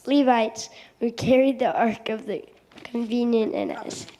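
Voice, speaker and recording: A woman's voice: on the high side, huge pitch swings, normal speed, dark tone, poor audio. A woman reading scripted narration aloud in an amateur play, stumbling now and then over words. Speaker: reader in a congregational skit.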